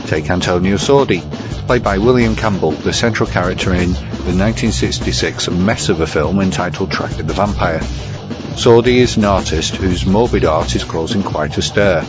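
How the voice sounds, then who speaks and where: A man with a low voice narrates a scripted review segment at a normal speed. The lo-fi recording sounds dull and sits under guitar music.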